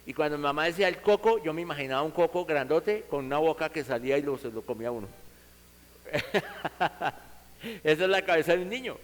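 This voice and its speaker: A man's voice: on the high side, very fast, hardly any pauses, big-room sound, low-quality recording. A man preaching a sermon to his congregation, speaking earnestly and conversationally, acting out vivid quoted examples.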